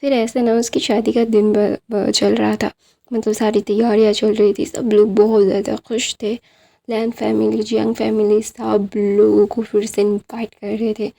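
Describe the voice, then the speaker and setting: Creaky flat-voiced woman storyteller. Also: mid-range voice, normal speed. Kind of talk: casual fanfiction retelling.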